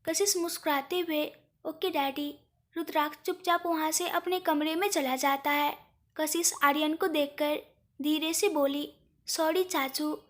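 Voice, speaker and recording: A woman storyteller giving a steady, scripted narration of a romantic story. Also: high voice, normal speed.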